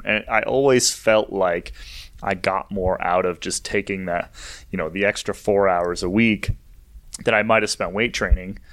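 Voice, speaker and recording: A man's voice: low voice, fairly bright tone. A man co-hosting a podcast, chatting casually and musing aloud with a joking edge. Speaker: podcast co-host. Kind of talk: casual chat.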